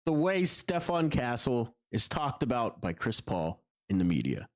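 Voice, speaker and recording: A man hosting a casual basketball podcast chat, animated and quick to laugh, talking in long runs. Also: mid-range voice.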